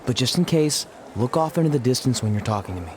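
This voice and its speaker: An actor playing a goofy, paranoid young male wrestler in a video game, excitable and jokey, mangling his words. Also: mid-range voice, quick pace, a little hiss or hum, close to an everyday voice.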